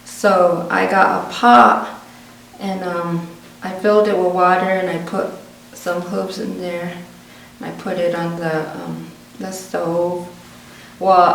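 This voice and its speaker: Brief: Pueblo woman storyteller, gravelly low voice, recorded from a distance in a roomy space. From Pueblo community, New Mexico. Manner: lively storyteller who acts out family dialogue. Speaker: oral history interviewee. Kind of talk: storytelling in an interview. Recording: roomy, distant, faint background noise.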